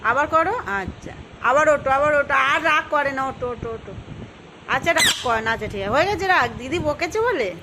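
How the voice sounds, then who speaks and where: A woman's voice: high voice, animated, brisk. A woman playfully coaxing her pet parrot, repeating short teasing phrases over and over. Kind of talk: coaxing talk to a pet bird. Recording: home recording with clear background noise.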